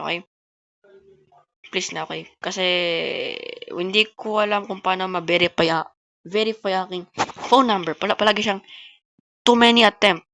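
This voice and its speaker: A woman who talks fast, giving casual gameplay commentary and chatting to her viewers as host of a gaming channel. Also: medium pitch, gravelly, fairly bright tone, highs cut off. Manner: fast-talking.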